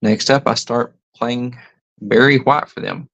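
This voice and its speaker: A man's voice: medium pitch, fairly even intonation, a little slow, fairly bright tone, low-quality recording. A man hosting a casual livestream, reading viewer comments and musing aloud, often stopping to rethink his words. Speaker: livestream host.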